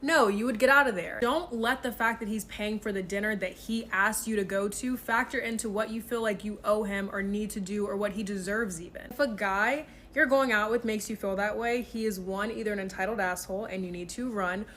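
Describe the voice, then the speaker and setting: A woman's voice: mid-range voice, fairly quick, few pauses, a bit bright, slight background noise. A woman giving casual, confident, slick advice in a blunt, sassy, sweary way with emphatic rhetorical questions. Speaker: dating advice video creator. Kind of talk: casual chatty advice monologue.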